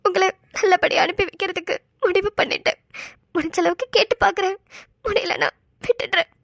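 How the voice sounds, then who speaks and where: A woman's voice: extremely high pitch, normal speed, gravelly, a bit bright, no echo, exaggerated voice. A woman voicing a young woman who pleads tearfully with her beloved, close and dry. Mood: pleading.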